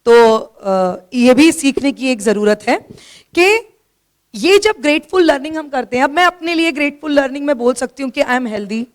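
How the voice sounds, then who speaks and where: A middle-aged woman teacher with a sore throat gives students a firm classroom lecture from slides in a hall, mixing Hindi and English. Her voice sits high, expressive and at a moderate pace, and she scolds listeners for talking.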